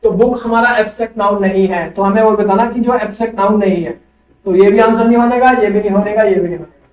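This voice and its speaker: A man's voice: sits high, fairly even intonation, fast talker, a little mellow, dull audio. A male teacher giving an online coaching class, asking quiz questions and answering them himself. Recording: echoey room, far from mic.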